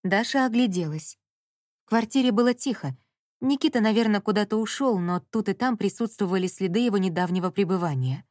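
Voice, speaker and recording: A woman's voice: medium pitch, animated, a little fast, a little mellow, no echo. Woman narrating an audiobook, dry sound. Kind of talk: scripted narration.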